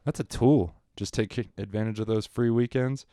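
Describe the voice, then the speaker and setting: A man's voice: on the low side, normal speed, warm tone, no room sound, studio quality. A man co-hosting a casual podcast, joking crudely and laughing often. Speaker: podcast co-host.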